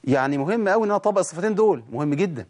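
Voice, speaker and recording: A man with an Egyptian Arabic accent teaching Quran recitation rules, animated and demonstrating sounds again and again. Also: sits high, racing. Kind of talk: tajweed lesson.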